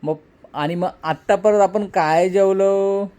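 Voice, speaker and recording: A man in his thirties, a father and vlog host, gently and playfully questioning his small daughter in a casual home video. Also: high voice, steady tone, slow pace, smooth.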